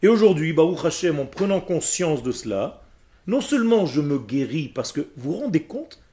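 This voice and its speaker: A man's voice: fairly high pitch, sing-song, normal speed, warm tone. Emphatic man teaching a class. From Israel. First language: Hebrew. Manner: emphatic, questions the class, explains word by word. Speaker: Hebrew and Torah teacher.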